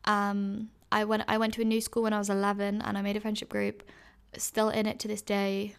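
A woman's voice: medium pitch, completely flat delivery, fairly quick, vocal fry, smooth. A woman in her twenties hosting a podcast, giving casual advice in a chatty way, full of fillers and self-corrections. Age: 20s. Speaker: podcast host.

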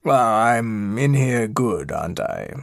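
A man's voice: fairly low pitch, expressive, slow pace, vocal fry, no room sound, studio quality, pitched below the performer's own voice, heavily acted. A man doing a sneering, drawling bully cat. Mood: taunting. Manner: taunting, drawling.

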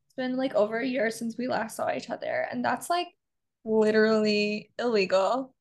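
Creaky, higher-voiced woman with Chicago accent. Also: normal speed. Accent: Chicago, Midwestern vowels. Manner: informal, frequent "like". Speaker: podcast co-host. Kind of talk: casual podcast chat.

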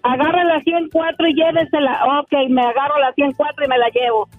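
A woman's voice: sits high, fairly even intonation, a little fast, no echo, faint music behind. A woman calling in by phone, telling an indignant story with lots of energy. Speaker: caller. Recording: tinny phone line.

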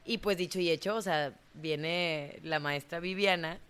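A young woman from Monterrey, Mexico with a northern Mexican accent, a dancer telling a story in an interview in a lively, colloquial way that acts out the dialogue. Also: lowish voice, unhurried, clean tone. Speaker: dancer in a ballet company.

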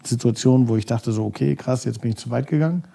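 Mann mit dunkler, belegter Stimme. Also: male voice, mid-range voice, fast talker, gravelly, dark tone. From Germany. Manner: rambling, searches for words, many fillers. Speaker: podcast guest, photographer. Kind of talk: casual storytelling.

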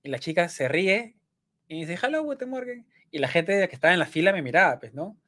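Male co-host, slightly high voice, lively anecdotal storyteller. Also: brisk. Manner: animated storyteller, acts out quoted lines. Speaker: podcast co-host. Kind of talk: casual chat.

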